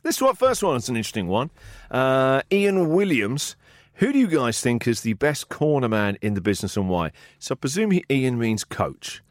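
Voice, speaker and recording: A man's voice: medium pitch, very animated, moderate pace, no room sound, clean studio sound. A man hosting a casual podcast, teasing his co-host with mock boasts.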